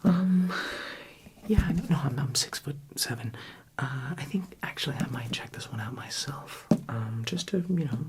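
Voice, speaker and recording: A man doing a whispered role-play as a friendly librarian, in a soft library whisper, talking gently and chattily to the listener. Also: medium pitch, lively intonation, normal speed. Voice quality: soft, breathy library whisper with gravelly edges. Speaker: ASMR performer playing a friendly librarian.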